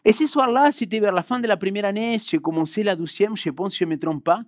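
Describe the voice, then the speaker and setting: In a church hall, a young male pastor whose first language is Spanish delivers a sermon with a personal story, his Spanish-accented voice sitting high and moving a little fast. He alternates urgent, loud outbursts with quiet, hushed stretches. The sound is clean studio audio with no room sound.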